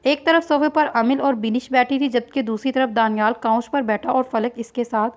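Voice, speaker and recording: A woman with a high voice reads a novel aloud in scripted narration. She keeps an even, read-aloud delivery and voices every character herself. The recording is dull and lo-fi, like a simple home setup. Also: normal speed. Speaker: novel reader.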